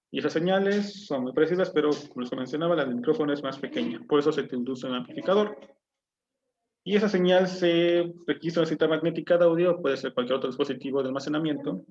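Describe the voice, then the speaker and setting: Man lecturing over a lo-fi mic. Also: on the high side. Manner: explanatory, asks the class questions. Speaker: teacher. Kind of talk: online class lecture. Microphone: low-quality computer mic. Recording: dull lo-fi mic audio.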